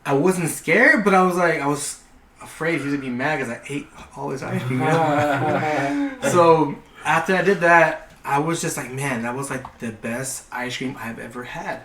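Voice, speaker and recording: A man's voice: on the high side, normal speed, fairly bright tone. A young man telling a long, rambling, profane story in casual podcast chat. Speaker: podcast guest. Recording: echoey room with faint noise.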